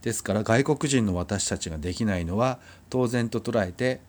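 A man's voice: on the low side, moderate pace, a little mellow. A man teaching a language lesson, explaining patiently and drilling sounds for listeners to repeat. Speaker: Spanish teacher.

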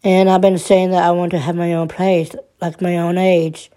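A woman in her twenties talking through her troubles in a personal monologue, halting and subdued, restarting and repeating her words often. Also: lowish voice, little pitch movement, warm tone. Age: 20s.

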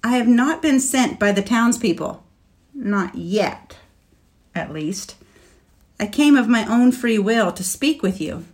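A woman playing an earnest young knight in a storybook, pleading his case with a dragon. Her voice lifts a little higher for him, steady and measured in pace. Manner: earnest, pleading, raised pitch. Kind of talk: storybook reading.

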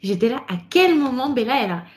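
Woman podcast co-host, high-ish voice, lively and giggly, casual chat. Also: fast. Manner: lively, laughs often, many fillers and asides. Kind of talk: casual chat about a book chapter.

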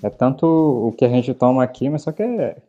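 A podcast host from Belém, Brazil, with a Belém Paraense Portuguese accent, tells stories in a chatty, casual conversation packed with fillers. His medium-pitched voice is dark-toned with lively intonation at a normal pace. The highs are cut off, and soft music plays in the background.

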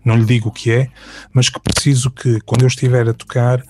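A man's voice: mid-range voice, little pitch movement, a little fast, noisy background. A man, casually telling a long personal story with many fillers and restarts, acting out the voices of other people.

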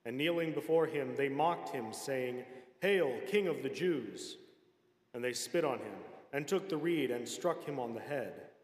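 A man reads scripture aloud in a solemn, measured way, never hurrying. His voice sits at an ordinary middle pitch. It rings through a large hall, trailing a long reverb. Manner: measured, unhurried reading. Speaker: scripture reader. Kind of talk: solemn public scripture reading.

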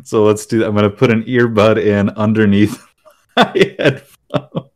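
A man's voice: lowish voice, fairly even intonation, unhurried. A man co-hosting a podcast in casual chat, explaining tech setups patiently with jokes. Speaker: podcast co-host.

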